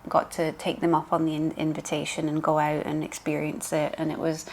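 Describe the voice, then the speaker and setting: A woman's voice: low voice, monotone, fairly quick, slight background noise. A woman co-hosting a podcast as a professional piercer, explaining steadily with frequent ums. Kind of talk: casual chat.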